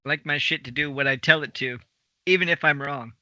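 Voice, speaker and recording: Very bright-voiced joking man. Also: on the high side, a little fast, dry recording. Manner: joking, swears casually. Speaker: player. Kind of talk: casual banter at a tabletop game.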